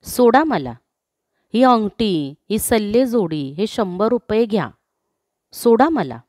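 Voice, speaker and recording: A woman's voice: mid-range voice, sing-song, slow, a little mellow, dry recording, clean studio sound. A woman voicing a bold village landowner who brushes off a warning and later begs robbers to spare him, in a storybook reading. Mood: begging. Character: fearless landowner man, later begging for his life.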